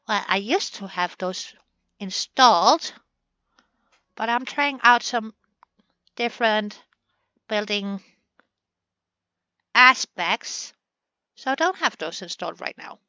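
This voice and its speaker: A woman's voice: medium pitch, animated, slow, long pauses, sharp tone, dry recording, lo-fi sound. A woman hosting a gaming channel, chatting through a building session in a playful way and talking to the game pieces as she works.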